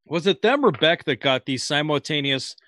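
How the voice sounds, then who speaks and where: A man talking casually in a relaxed group conversation. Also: fairly high pitch, normal speed, dry recording, clean studio sound.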